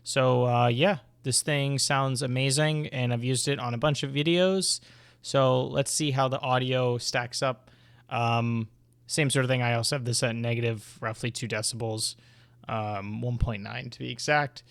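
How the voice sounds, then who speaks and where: A man's voice: mid-range voice, steady tone, a little slow, vocal fry, fairly bright tone, smooth, no echo. A man giving a casual, rambling, unscripted product review, speaking hesitantly into a USB dynamic microphone. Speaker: video host reviewing audio gear. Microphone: USB dynamic microphone on an arm.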